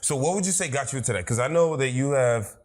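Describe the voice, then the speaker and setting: Guy hosting a chill interview podcast, relaxed, encouraging, asks questions. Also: medium pitch. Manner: relaxed, encouraging, slow intro. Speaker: podcast host. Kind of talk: casual interview chat.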